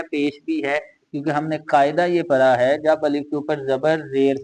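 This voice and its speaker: A man's voice: on the high side, darkish tone, low-quality recording. A man teaching a Quran reading lesson for children, patiently repeating letters and drilling each syllable aloud. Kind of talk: slow step-by-step recitation lesson.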